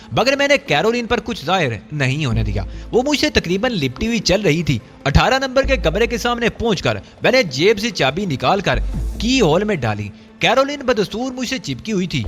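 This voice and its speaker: A male storyteller reads a thriller audiobook in a high, animated voice that swings widely in pitch. His delivery is dramatic and scripted. Faint music plays underneath.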